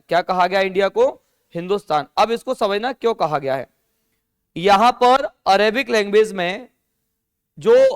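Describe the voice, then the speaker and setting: High-voiced man teaching a class. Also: clear, resonant tone. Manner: asks the class questions and answers them himself; mixes English words into Hindi. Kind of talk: classroom lecture.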